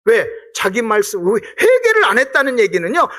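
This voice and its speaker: A middle-aged man preaching a revival sermon in a church, acting out quoted voices with sudden shouts and drops. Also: extremely high pitch, huge pitch swings, moderate pace. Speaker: guest pastor. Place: church sanctuary.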